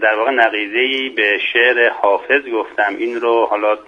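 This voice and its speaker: A man with a Mashhadi accent, a guest satirical poet talking slowly and politely on a call-in radio show. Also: medium pitch, fairly even intonation, dull audio. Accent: Mashhadi Persian.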